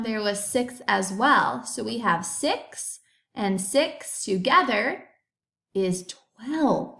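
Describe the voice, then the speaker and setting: A woman teaching a kindergarten class remotely, reading sentences slowly and sounding out words for young children. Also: on the high side, pushed and bright.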